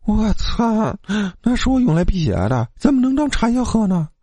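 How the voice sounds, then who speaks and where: A man voicing a superstitious, hot-tempered male college student who talks gruffly and swears. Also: on the low side, big pitch swings, fairly quick, darkish tone, no room sound, voice pushed down. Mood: outraged.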